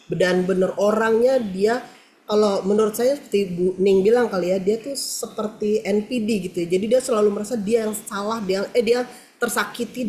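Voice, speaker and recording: A woman's voice: mid-range voice, darkish tone, slight background noise. A woman giving an earnest, candid personal testimony over a video call, talking with many fillers. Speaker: participant sharing a testimony. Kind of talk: personal testimony in an online prayer meeting.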